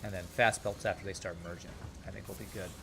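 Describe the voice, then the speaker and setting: This man's voice sits low and stays fairly even, bright and forceful as he talks fast against slight background noise. He hosts a gaming channel, narrating play casually with a faint Texas twang, thinking aloud and mumbling asides. He's from California but grew up in Texas from nine.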